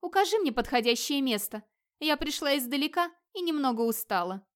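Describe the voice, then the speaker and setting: A woman reading an audiobook, voicing a cheerful young Valkyrie woman in a bright, merry, lifted voice. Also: high-pitched, animated, fairly quick, voice pushed up. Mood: friendly.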